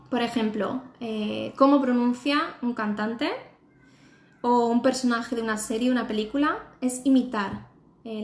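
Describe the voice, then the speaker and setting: A woman giving casual advice on speaking English on a live stream, chatty with many fillers and restarts. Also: a little high. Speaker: English teacher. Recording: roomy echo.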